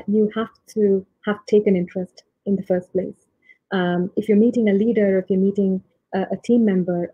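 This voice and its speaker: A tech leader, an Indian woman in her thirties, speaks softly and reflectively about leadership in a conference talk given from home. Her medium-pitched voice, marked by frequent ums and restarts, reaches listeners via a laptop or webcam mic as tinny, husky video-call audio with no room sound.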